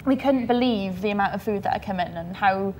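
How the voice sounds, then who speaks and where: A woman's voice: mid-range voice, brisk, darkish tone, slight background noise. A woman show reporter chatting conversationally about a visit. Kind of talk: conversational studio chat.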